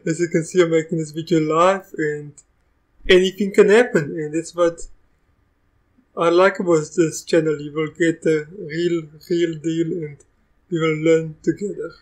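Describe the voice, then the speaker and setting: A young man with a South African accent touched by Russian, hosting a live software tutorial in a chatty, easygoing way, restarting sentences as he goes. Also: a little high, flat delivery, measured pace, poor audio. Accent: South African, with a bit of Russian. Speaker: tech tutorial host.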